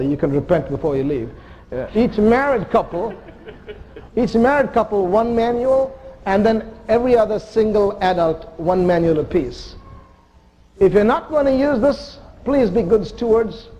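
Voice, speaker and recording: A man's voice: high voice, mellow, dull audio. A man from India, preaching a sermon to a church congregation in an earnest, emphatic way, with joking asides. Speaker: visiting missionary preacher. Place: church sanctuary.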